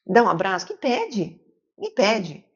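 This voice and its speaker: A woman in her fifties, a psychiatrist guest in a casual interview, telling stories lively and acting out the quoted dialogue. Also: mid-range voice, unhurried, breathy edge. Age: 50s. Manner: lively storyteller who acts out quoted dialogue. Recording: muffled lo-fi recording.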